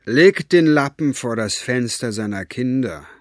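A man voicing a bored, menacing gang boss who speaks slowly and quietly. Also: medium pitch, expressive, dry recording, clean studio sound, lightly acted.

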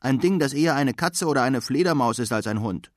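A man's voice: medium pitch, animated, fairly quick, no echo, clean studio sound, voice pushed up, close to an everyday voice. A man voicing a tiny, proud dog who barks back in indignation. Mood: indignant. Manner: barking, indignant.

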